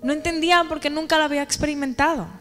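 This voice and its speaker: A woman with a fairly high voice giving an earnest church testimony, turning to the congregation with questions. Her voice carries a long reverb from a large hall, over clear guitar music. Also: steady tone, very fast. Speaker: testimony speaker.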